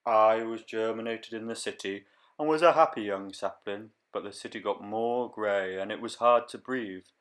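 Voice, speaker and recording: A man voicing a friendly, gentle male green giant made of plants in a read-aloud storybook, speaking softly and kindly. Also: fairly low pitch, normal speed, natural voice.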